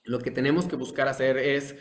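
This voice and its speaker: A man teaching a course online, asking questions and answering them himself, with frequent restarts and pauses. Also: mid-range voice, fairly even intonation. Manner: explanatory, asks and answers his own questions; many restarts and filler pauses. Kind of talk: online lecture.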